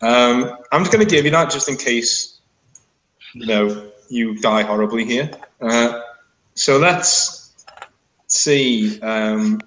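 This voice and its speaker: A man running a tabletop game as game master, talking casually in a halting, wry way. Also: mid-range voice, fairly bright tone, roomy sound, poor audio.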